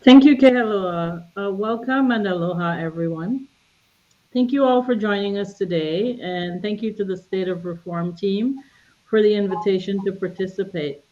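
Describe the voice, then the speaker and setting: A woman from Guyana, a health plan executive, giving a measured, formal prepared presentation. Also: mid-range voice, warm tone, highs cut off.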